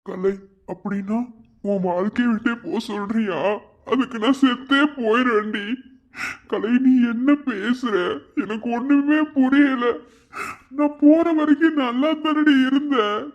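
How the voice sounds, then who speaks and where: Cartoon lead: heartbroken young lover, high strained voice, lo-fi dull sound. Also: male voice, measured pace. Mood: anguished pleading. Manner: pleading, anguished, near tears. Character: heartbroken young college man, devoted lover. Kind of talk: cartoon love-story voice acting.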